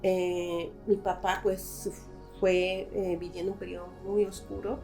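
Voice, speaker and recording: A woman's voice: lowish voice, little pitch movement, takes it slowly, darkish tone, soft background music. A middle-aged woman from Guatemala, a guest in a conversational interview, speaking thoughtfully with frequent hesitations.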